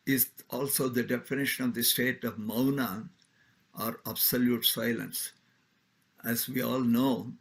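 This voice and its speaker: A man gives a formal spiritual discourse. His voice has a gravelly, fried edge at a mid pitch. He speaks in a careful, explanatory way and clears his throat from time to time. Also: a bit bright. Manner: measured, deliberate, explanatory.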